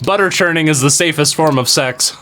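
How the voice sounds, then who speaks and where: A man's voice: fairly high pitch, a little fast, sharp tone, faint music behind. A man streaming a retro game, rambling casually to his chat with fillers and the odd swear word. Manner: talks to chat while playing. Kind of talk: casual live-stream gameplay commentary.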